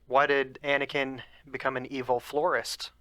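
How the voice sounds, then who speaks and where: Male podcast co-host, sharp bright voice, dry close recording, teasing and quick with a joke. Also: medium pitch, flat delivery, no echo. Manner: playful, teasing banter. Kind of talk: casual chat.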